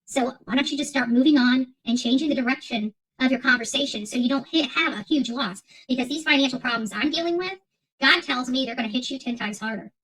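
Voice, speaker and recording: A woman hosting an online commentary channel speaks quickly in a high, slightly bright voice, captured in a low-quality recording. Her off-the-cuff rant to the audience is confrontational and forceful, with phrases repeated for emphasis.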